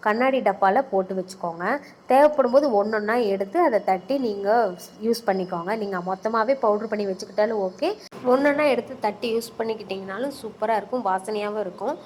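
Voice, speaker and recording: A woman's voice: mid-range voice, slight background noise, rough recording. A woman in her thirties narrating a casual home vlog, chatting about family and giving step-by-step cooking tips.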